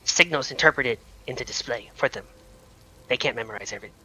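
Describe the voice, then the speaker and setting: A man's voice: mid-range voice, quick pace, sharp tone, husky, poor audio. A man voicing a terse shopkeeper who speaks in clipped, broken sentences. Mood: matter-of-fact. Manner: clipped, few words, drops small words.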